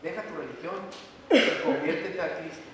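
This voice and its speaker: Impassioned preacher in an echoey church hall. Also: male voice, a little high, normal speed, far from the mic, crowd noise. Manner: impassioned, preaching in direct address. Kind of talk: sermon.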